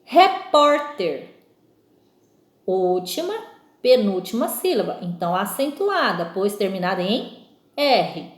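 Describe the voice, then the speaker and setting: A Brazilian woman teacher giving a recorded lesson to young pupils, slowly stressing example words and often checking in with them. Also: medium pitch, sing-song. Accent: Brazilian Portuguese. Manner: slow, emphatic spelling-out of example words. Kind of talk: recorded remote school lesson. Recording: echoey room sound.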